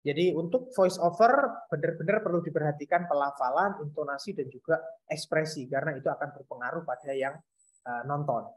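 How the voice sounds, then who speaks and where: A man teaching a digital video workshop, explaining step by step in a relaxed lecture style with frequent filler pauses. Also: fairly high pitch, rough recording.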